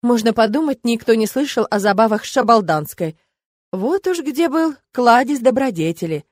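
A woman's voice: a little high, animated, moderate pace, darkish tone, no echo. Woman reading a sardonic male werewolf.

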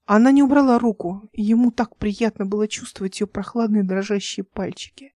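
Mellow-voiced woman narrating an audiobook. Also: mid-range voice, steady tone, moderate pace, no room sound, studio quality.

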